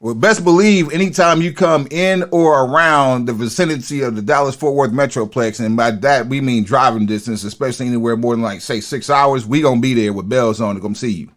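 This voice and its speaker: A man's voice: medium pitch, fairly quick, few pauses. A man co-hosting a podcast, asking rambling questions and laughing along in casual chat. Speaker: podcast co-host.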